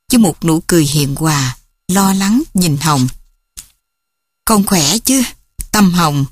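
A woman narrating a story in a soft, measured and dramatic reading. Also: mid-range voice, dry recording.

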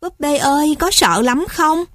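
A woman's voice: high voice, expressive, a little slow, fairly bright tone, no room sound, clean studio sound, voice pushed up. A woman voicing a small frightened child who pleads tearfully in a storybook reading. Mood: pleading.

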